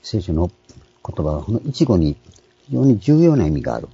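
A man, a pastor, giving a calm, explanatory sermon with frequent pauses and fillers. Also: deep voice, slightly rough, no echo, lo-fi sound. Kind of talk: sermon on scripture names.

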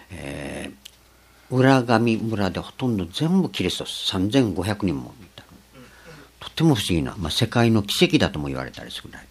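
An older man giving a slow, reflective sermon, pausing often with fillers. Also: lowish voice, vocal fry, slightly rough. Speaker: preacher.

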